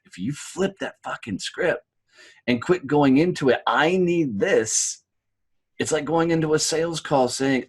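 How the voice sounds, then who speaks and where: An American man telling his story as a podcast guest, blunt and animated, swearing freely. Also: medium pitch, slightly rough. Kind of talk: candid interview storytelling.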